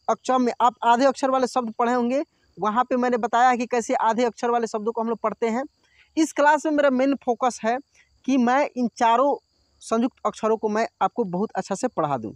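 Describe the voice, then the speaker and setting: Patient man teaching slow Hindi reading. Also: very high voice, dry recording. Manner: drawn-out word pronunciation, frequent checking "theek hai". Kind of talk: slow spoken reading lesson.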